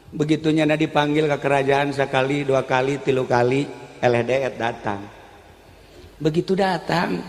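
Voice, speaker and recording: High-voiced Sundanese preacher telling a story. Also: male voice, big-room sound. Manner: lively storytelling, acts out voices, joking. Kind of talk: storytelling sermon.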